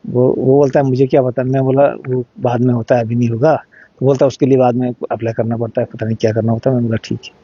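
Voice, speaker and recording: A middle-aged father telling his story in an interview, halting and repeating words while he acts out what each person said. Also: medium pitch, level tone, warm tone, husky, dry recording, highs cut off. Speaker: interviewee, father of the deceased boy. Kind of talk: emotional first-hand account in an interview.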